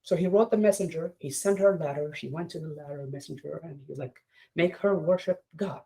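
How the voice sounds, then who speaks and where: Husky-voiced man telling a story haltingly. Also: a little high, steady tone, warm tone, rough recording. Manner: halting storyteller with many restarts. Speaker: lodge presenter. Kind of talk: informal lecture over video call.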